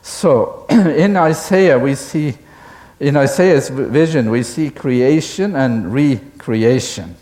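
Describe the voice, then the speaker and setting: Man giving a deliberate academic lecture. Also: mid-range voice, warm tone. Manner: deliberate, asks the audience questions, chuckles at own asides.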